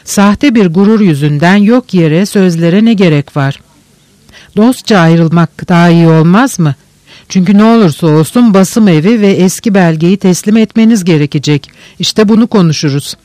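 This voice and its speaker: A man reading a sly, cheerful young male schemer. He talks in a smooth, needling way, in a fairly high voice. The sound is dry and close, typical of an audiobook. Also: normal speed, darkish tone, no echo, natural voice.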